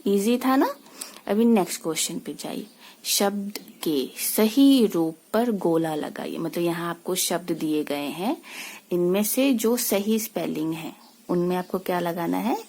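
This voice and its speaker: A woman teacher speaks slowly to young pupils. Her pitch moves a lot as she explains. Her voice is husky, with a gravelly edge. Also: darkish tone. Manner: slow, patient explaining with many rhetorical questions. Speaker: school teacher. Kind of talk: recorded lesson for young children.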